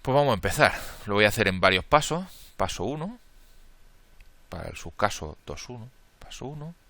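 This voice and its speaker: A man's voice: on the low side, very animated, moderate pace, vocal fry, fairly bright tone, dry recording. A man lecturing through a combinatorics problem step by step, thinking aloud and correcting his own slips in a Spain Spanish accent. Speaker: math lecturer. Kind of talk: worked-problem lecture, counting steps aloud.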